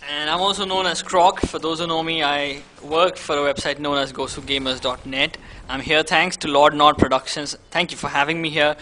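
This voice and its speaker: Bright, slightly high male esports co-caster. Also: fairly even intonation, normal speed, slight background noise. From India. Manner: rambling, conversational, breaks off mid-sentence. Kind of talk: live esports commentary.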